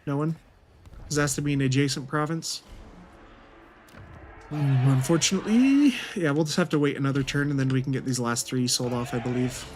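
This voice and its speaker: A man's voice: medium pitch, a little fast, long pauses. Man casually commentating, faint noise behind. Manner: thinking aloud. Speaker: gaming video host. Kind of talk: casual strategy game commentary.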